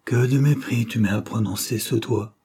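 A man voicing a gentle, self-sacrificing young peasant in an audiobook, speaking earnestly and pleading. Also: on the low side, normal speed, breathy edge. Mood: pleading, sorrowful.

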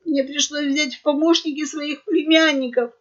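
A woman's voice: high-pitched, steady tone, normal speed, pitched above the performer's own voice, natural voice. A woman voicing a fat, cowardly male pug merchant who stutters and sobs, on a dull lo-fi recording. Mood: sobbing. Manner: stuttering, sobbing.

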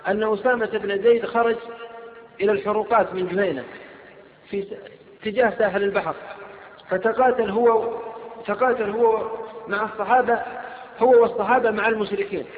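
Male preacher, high-pitched and fast, fervent delivery; thin phone-like tape in a reverberant hall. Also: fairly even intonation. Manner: fervent, rising to emphatic peaks when retelling dialogue. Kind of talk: recorded Islamic lecture.

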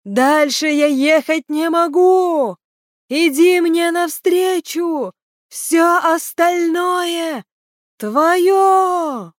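A woman voicing a desperate male rider who cries out a drawn-out, anguished plea. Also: very high voice, no echo, clean studio sound, voice pushed up, exaggerated voice. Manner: crying out, drawn-out pleading.

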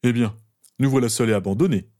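A man voicing an easygoing young man, a protective older brother who talks in a relaxed, teasing way in an audiobook reading. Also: mid-range voice, fast talker, close to an everyday voice.

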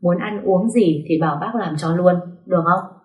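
A woman voicing a calm, protective young man who speaks softly and reassuringly. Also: lowish voice, moderate pace, close to an everyday voice. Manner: soft, reassuring. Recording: roomy echo.

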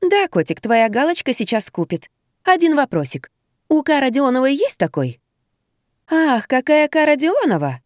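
A jealous young mother scolds in a high, shrill voice, as a woman reader puts her on. She is loud and curt, and the read is dry and close to the mic. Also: big pitch swings, moderate pace, no room sound.

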